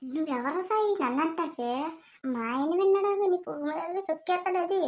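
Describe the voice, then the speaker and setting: A man voicing a sharp-tongued young woman in a comic cartoon, scolding and bickering. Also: very high voice, a little fast, muffled recording, noisy background. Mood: scornful.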